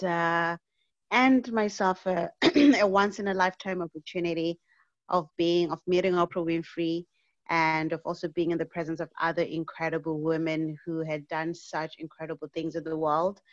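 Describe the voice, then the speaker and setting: Woman, 30s, from Zimbabwe, podcast guest; lower voice, earnest storyteller, slightly dull audio. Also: no echo. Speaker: guest, physician and inspirational speaker.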